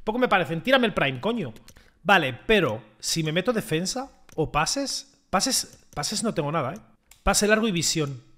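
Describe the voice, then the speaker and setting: A young man doing loud, joking gameplay commentary and swearing freely. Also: high voice, very animated, moderate pace. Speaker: gaming YouTuber.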